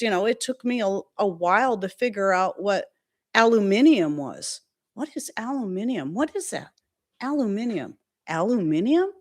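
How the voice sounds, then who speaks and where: Sassy Southern woman streamer. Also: on the high side. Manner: sassy and emphatic, laughs often. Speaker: live stream host. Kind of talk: casual live stream chat.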